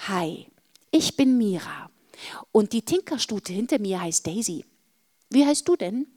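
A woman doing a calm, chiding teen girl. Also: medium pitch, unhurried. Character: relaxed, scolding teen girl with a horse.

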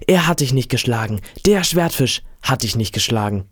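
A man's voice: mid-range voice, expressive, normal speed, slightly rough, dry recording, clean studio sound. A man reading a storybook aloud, voicing a loyal, tearful young fisher boy in a raised, earnest tone.

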